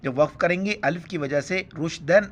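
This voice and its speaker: A man teaching Quran recitation, explaining letters quickly in Urdu with a Pakistani accent, then chanting verses slowly and loudly. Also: on the high side. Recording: dull lo-fi sound.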